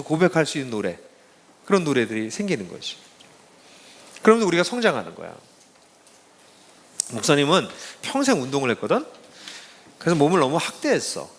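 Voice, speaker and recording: A middle-aged pastor giving a casual talk to students, telling stories in an animated, informal way. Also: male voice, a little high, big-room sound. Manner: lively storytelling, casual speech to young listeners.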